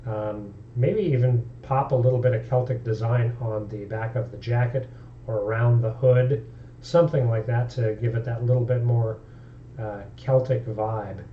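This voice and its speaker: A man's voice: medium pitch, steady tone, moderate pace, dull audio, a little hiss or hum. A man streaming about tabletop games, talking casually and thinking aloud in an easygoing way. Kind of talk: casual live-stream talk.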